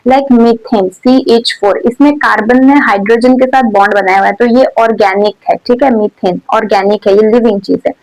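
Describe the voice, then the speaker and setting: A woman teacher giving a botany lecture, speaking softly into a new mic and checking in with "theek hai" and rhetorical questions. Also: on the high side, poor audio. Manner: says "theek hai" and "dekho" constantly, asks rhetorical questions; speaks softly and holds back her volume. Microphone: newly bought mic.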